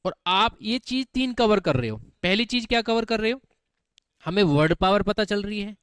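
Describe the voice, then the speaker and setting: A man's voice: high voice, animated, normal speed, fairly bright tone, clear, resonant tone, dry recording, studio quality. A man teaching English vocabulary in a classroom style, often quizzing his students and repeating words back to them. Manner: keeps asking students questions and repeating words, calls them beta.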